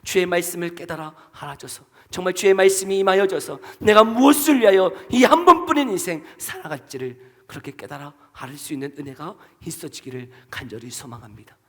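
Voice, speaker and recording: A man's voice: high voice, a little fast, hardly any pauses. A male pastor preaching a sermon to his congregation, rising to emphatic peaks, asking questions and leading the church in reading together. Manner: rises to emphatic preaching peaks, then drops to soft asides; asks the congregation questions and leads unison reading. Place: church sanctuary. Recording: long church reverb.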